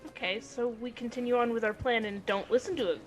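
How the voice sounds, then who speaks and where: Woman, tabletop player, fairly high voice, eager chatter. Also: fairly even intonation, fast talker, soft background music. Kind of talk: tabletop role-play chat.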